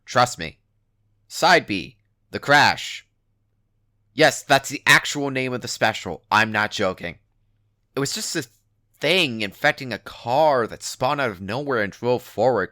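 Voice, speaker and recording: A man's voice: mid-range voice, bright, forceful tone, no room sound, clean studio sound. A man giving a dramatic reading of an online story in a casual, sweary, emphatic first-person way. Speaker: narrator reading a written forum post aloud.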